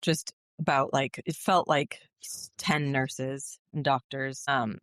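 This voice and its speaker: A woman's voice: rumbling low, fairly even intonation, slow pace, a bit bright, no room sound, studio quality. A woman in her thirties, a podcast guest, telling a personal story earnestly and emotionally, with many fillers and restarts.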